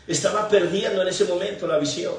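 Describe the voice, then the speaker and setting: A middle-aged pastor gives a halting testimony sermon, often repeating his words. His voice sits high for a man. It is heard from far off in a very echoey church. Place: church sanctuary.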